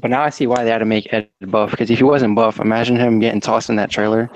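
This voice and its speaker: A man in a casual gaming podcast, hesitant and filling pauses with "um" and "like". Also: lowish voice, level tone, heavy background noise. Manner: hesitant, lots of "um" and "like". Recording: dull lo-fi mic.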